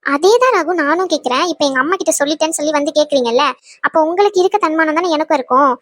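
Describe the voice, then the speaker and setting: A woman's voice: sits high, expressive, fairly bright tone, no echo. A woman voicing a young wife in a cartoon who scolds her husband in a hurt, indignant way. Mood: reproachful. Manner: reproachful, rapid and indignant. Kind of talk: cartoon voice acting.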